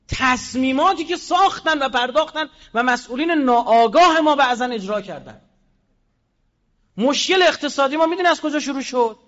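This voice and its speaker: High-voiced man giving a fiery speech. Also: in a large hall, dull audio. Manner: combative, with rhetorical questions and sudden swings between loud and quiet. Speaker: public speaker.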